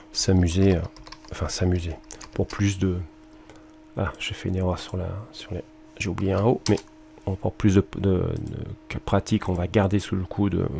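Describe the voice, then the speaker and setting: A man's voice: low voice, vocal fry, warm tone, a little hiss or hum. A male music teacher with a French accent, talking students through a research worksheet and thinking aloud with fillers and mild exclamations. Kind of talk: screen-recorded lesson walkthrough.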